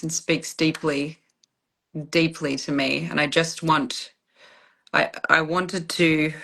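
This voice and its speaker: Female client, bright clear-edged tone, low-ish pitch, halting personal reflection. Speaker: client in a channeling session.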